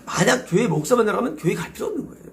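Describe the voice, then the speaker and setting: A man's voice: sits high, big pitch swings, very fast, vocal fry, slight background noise. A middle-aged man with a Korean accent preaching a sermon as pastor, emphatic and exhorting, with many rhetorical questions.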